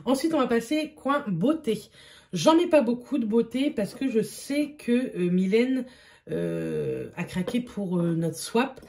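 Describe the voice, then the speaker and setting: A woman's voice: on the high side, lively intonation, a little slow, gravelly, a little mellow. A young woman chatting casually as a beauty vlogger, with frequent fillers and repeated words. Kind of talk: casual vlog chat.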